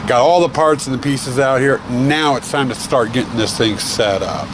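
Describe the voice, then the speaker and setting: A man's voice: mid-range voice, normal speed, noisy background. A man hosting a casual vlog outdoors, chatty and laughing at his own jokes. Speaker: vlog host. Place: outdoors in a cornfield.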